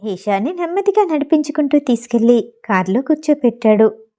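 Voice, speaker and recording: Woman, audiobook narrator, fairly high voice, mellow, steady even reading. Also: fairly quick. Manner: steady, even storytelling read. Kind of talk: reading a novel aloud.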